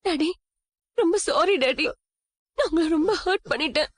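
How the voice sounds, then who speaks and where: Young grown daughter, tearful, pleading, very high voice, dry sound. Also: female voice, expressive, moderate pace, dry recording. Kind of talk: TV serial acting.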